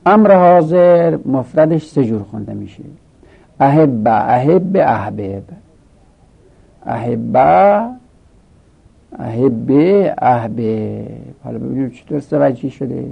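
A man's voice: mid-range voice, lively intonation, vocal fry, long pauses, slightly rough. A man teaching a grammar lesson, methodically reciting conjugation tables in a tinny, phone-like recording.

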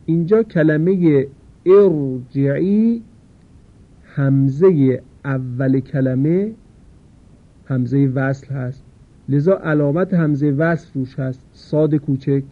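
A man teaching a Quran recitation lesson, explaining rules patiently and slowly drawing out the example words. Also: mid-range voice. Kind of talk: tajweed lesson. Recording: tinny phone-like lo-fi sound.

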